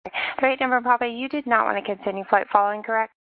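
A woman's voice: fairly high pitch, quick pace. A woman working as an air traffic controller, giving matter-of-fact procedural instructions over radio. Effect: radio transmission. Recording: dull band-limited radio audio.

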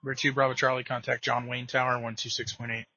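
A man working as an air traffic controller, giving brisk, procedural instructions over the radio. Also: medium pitch, flat delivery, bright, forceful tone, slightly rough, no echo. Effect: radio transmission. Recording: muffled lo-fi radio audio.

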